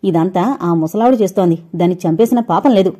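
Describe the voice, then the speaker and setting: A sharp-tongued young wife hurls scornful, rapid tirades in a loud, mellow voice, as a woman reading an audio novel puts her on. Storybook drama. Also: lowish voice, husky. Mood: furious scornful. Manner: taunting, shouting fast tirades.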